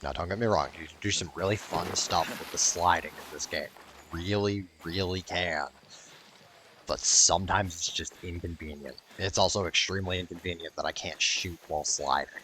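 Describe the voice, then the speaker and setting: Streaming a game, this man rambles casually, cursing with wry exasperation. He sits low in pitch and talks at a moderate pace in a pushed, bright voice, with a little noise in the background.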